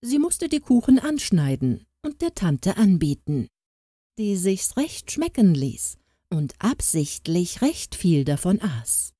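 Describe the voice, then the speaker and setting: A woman narrating a fairy-tale audiobook with expressive storytelling delivery. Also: fairly low pitch, slow pace, no echo, studio quality.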